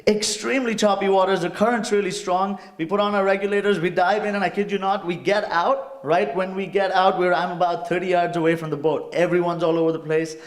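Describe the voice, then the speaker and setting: Guy from india telling a story on stage, bit high voice, echoey hall, acts it all out. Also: a little fast, few pauses. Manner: animated, acts out suspense with sound effects. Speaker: speaker. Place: stage before a live audience.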